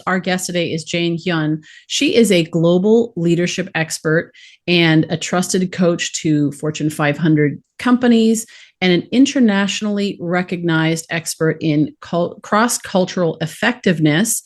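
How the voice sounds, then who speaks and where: A woman hosting a podcast, introducing her guest and asking questions in an upbeat way. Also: fairly low pitch. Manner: upbeat, enthusiastic. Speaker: podcast host. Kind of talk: scripted introduction then interview.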